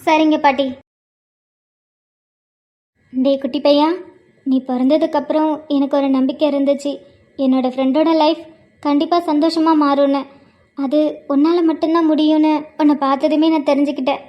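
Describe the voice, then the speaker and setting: Earnest young woman for a homemade cartoon, voiced by a woman, high pitch with a flat delivery, muffled lo-fi recording. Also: normal speed, long pauses, lightly acted. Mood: tender. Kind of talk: hobby cartoon voice acting.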